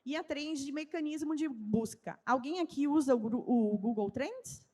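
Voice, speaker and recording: Her high-pitched, animated voice has a darkish tone and moves at normal speed. Speaking at a trade fair with a gaúcho accent from southern Brazil, she asks the audience questions and answers them herself as she teaches. Long reverb fills the large event hall where the live crowd listens.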